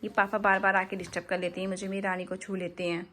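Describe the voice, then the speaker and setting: A woman's voice: mid-range voice, little pitch movement, fast, pushed and bright, a little hiss or hum, natural voice. A woman voicing a cheerful, chatty baby girl, narrating a vlog in the first person in sweet, sing-song baby talk. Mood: playful.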